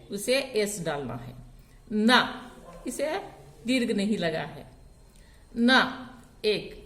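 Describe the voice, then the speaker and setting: A woman's voice: fairly high pitch, echoey room. A woman teaching a grammar lesson on poetic meter, counting syllables aloud one at a time.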